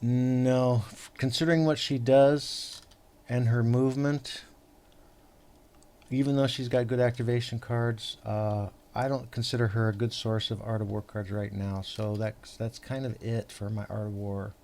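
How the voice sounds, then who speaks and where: A man hosting a tabletop game session, patiently explaining the rules to his opponent in a halting, rambling way full of fillers and restarts. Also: medium pitch, level tone, a little mellow. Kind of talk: casual tabletop game chat.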